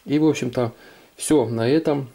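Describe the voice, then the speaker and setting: A man's voice: mid-range voice, normal speed, creaky, dark tone. A man presenting an informal tech tutorial, explaining things step by step. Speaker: tech vlogger. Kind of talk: casual smartphone tutorial. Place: indoors at a desk, hands-on demo.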